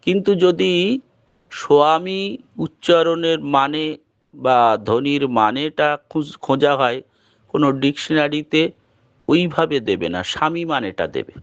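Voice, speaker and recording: Slow, measured Bengali man preaching. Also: on the high side, lively intonation, no room sound. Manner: slow, measured, explaining patiently. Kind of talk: devotional talk. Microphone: online meeting audio. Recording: dull lo-fi call audio.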